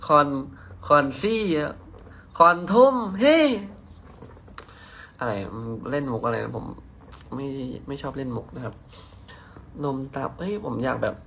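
A young man chats on a phone live stream, reading comments aloud in an unhurried, drawn-out way. His tone is teasing and loose, with casual swearing. A faint hum of noise sits under the voice. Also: mid-range voice, big pitch swings, vocal fry, fairly bright tone. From Nakhon Si Thammarat, southern Thailand.

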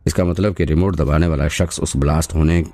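A dutiful senior police inspector voiced by a man in an audio drama. He talks with respectful earnestness in a very deep, dark voice. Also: fairly even intonation, fairly quick. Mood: explaining.

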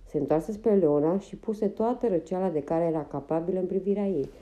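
A woman narrating a novel as an audiobook in a steady, even reading manner. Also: lowish voice, poor audio. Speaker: audiobook reader.

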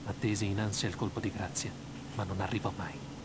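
An actor playing a male writer who narrates his own ordeal in a dubbed video game, in a grave, measured storytelling manner. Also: on the low side, steady tone, lightly acted. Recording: game audio with background noise.

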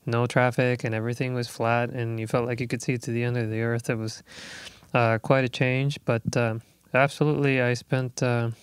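Speaking at a normal speed with a flat delivery, this man's medium-pitched, clean voice is recorded dry. He's a thirty-something musician from Puerto Rico, guesting in a studio for a casual interview, reflective and thoughtful, filling pauses often.

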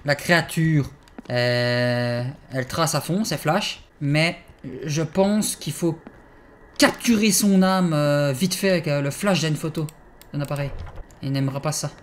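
A young man hosting a horror game let's play, excitable and swearing, yelping in fright and then muttering to himself. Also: on the high side, a little slow, slight background noise. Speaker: gaming channel host.

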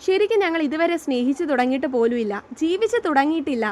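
Dev is a loving young husband beside a hospital bed, soft and earnest. A woman reader voices him in her own bright, high register, keeping the delivery plain and storybook-like. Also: animated, fast, a little hiss or hum. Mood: anguished.

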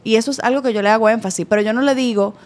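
A woman's voice: on the high side, rapid-fire. Candid, chatty woman. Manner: candid, animated storytelling with lively quoted voices. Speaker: podcast guest. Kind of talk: casual chat.

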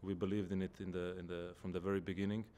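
Male footballer, 30s, very low and monotone, measured and slow to find words at the press table mic. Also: slight background noise. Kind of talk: post-match press conference answers. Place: indoor press room. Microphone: table microphone in front.

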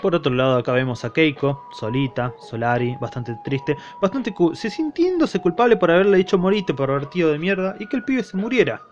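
A man's voice: on the high side, fairly quick, hardly any pauses, dull audio. A man with an Argentine accent recapping a comic in a casual, slangy way, acting out bits of the characters' lines. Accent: Argentine Spanish. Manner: slangy, lively retelling that acts out the characters' lines. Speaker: manga reviewer.

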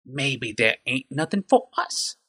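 A man voicing a crude, menacing male goblin in a rough, guttural voice for a fan audiobook. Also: mid-range voice, very animated, takes it slowly, a bit bright, pitched above the performer's own voice, exaggerated voice.

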